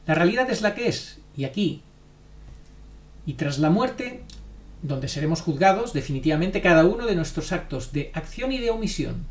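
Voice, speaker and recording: A man's voice: a little high, sing-song, moderate pace. Insistent preachy man. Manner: insistent, preachy, hammering repetition. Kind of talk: impassioned religious commentary. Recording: roomy echo.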